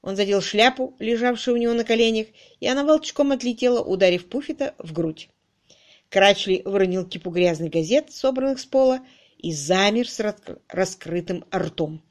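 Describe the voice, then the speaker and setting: A woman narrating a novel aloud in an expressive, animated way. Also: mid-range voice, moderate pace. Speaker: audiobook narrator.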